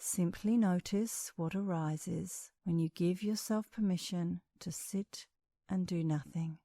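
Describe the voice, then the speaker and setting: A female meditation instructor guides a session in a calm, soothing, measured voice, leaving long pauses. Her voice sits lowish, and there's no room sound.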